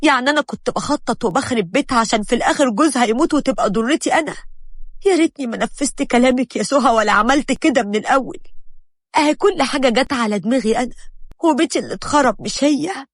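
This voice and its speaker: A woman's voice: high voice, fast, dry recording, studio quality. A woman voicing a jealous, scheming wife with an Egyptian accent, reading a story aloud with a resentful, spiteful manner. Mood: bitter.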